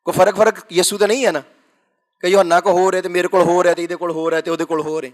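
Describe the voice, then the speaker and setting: A pastor with a high, ringing voice preaches to his congregation. He keeps asking them questions and swings from forceful, raised lines to low, quiet asides. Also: flat delivery. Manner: swings between loud emphatic bursts and low quiet asides. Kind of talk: sermon.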